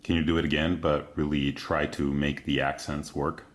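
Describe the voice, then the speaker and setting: A man giving halting spoken prompts to an AI in a demo. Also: a bass voice, flat delivery. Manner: halting, with fillers.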